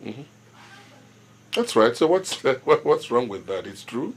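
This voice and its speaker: An actor playing a proud, stubborn older village king with a Nigerian accent, speaking in measured, authoritative lines and quoting proverbs. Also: mid-range voice, sing-song, a little hiss or hum. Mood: dismissive. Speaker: traditional king. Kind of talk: film drama acting.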